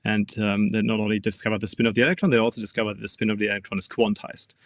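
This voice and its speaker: A man's voice: lowish voice, fairly even intonation, very fast, no echo, studio quality. A man with a German accent, a physics professor, explaining carefully as an interview guest with frequent ums.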